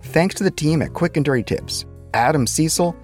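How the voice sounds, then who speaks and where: A man's voice: animated, moderate pace, soft background music. A man hosting a scripted etiquette advice podcast, wry and playful, voice leaping up for emphasis. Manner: wry, playful delivery with sudden jumps in pitch.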